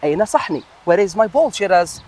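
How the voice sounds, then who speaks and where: Lively man teaching pronunciation. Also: high voice, slight background noise. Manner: switches between dialect and slow, over-articulated English examples. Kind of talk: casual video lesson.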